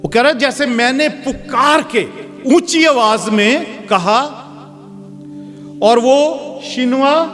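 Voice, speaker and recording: A man preaching a sermon in a strained, very high register, pushing his voice loud and forceful from the pulpit. His words ring out with a long hall reverb. Soft music plays behind him. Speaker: pastor. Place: church hall.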